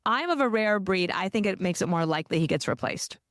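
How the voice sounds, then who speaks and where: Podcast host, direct and opinionated, smooth clear voice, dry recording. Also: mid-range voice, expressive, quick pace, fairly bright tone, dry recording. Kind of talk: podcast interview.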